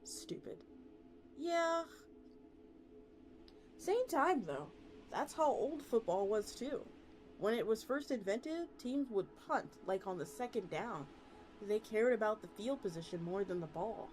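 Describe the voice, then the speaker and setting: This woman VTuber reads a story in a laid-back, conversational way with music in the background. Her voice is on the high side, expressive and a little mellow, at a measured pace with frequent pauses.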